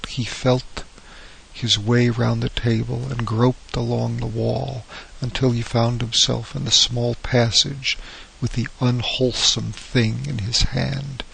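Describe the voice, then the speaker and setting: Male audiobook narrator for horror, steady reading, husky tone. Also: mid-range voice, poor audio.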